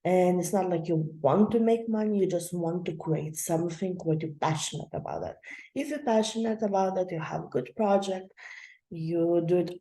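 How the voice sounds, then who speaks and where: A young adult woman hosts a channel, giving a casual explainer in an echoey room. Her voice is lowish and mellow at a normal speed, and she is chatty and loose, with many fillers and laughs.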